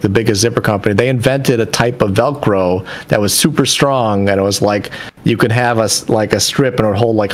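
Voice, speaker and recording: Rambling casual podcast guy. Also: fairly low pitch. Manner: rambling, animated, restarts mid-sentence. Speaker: podcast co-host.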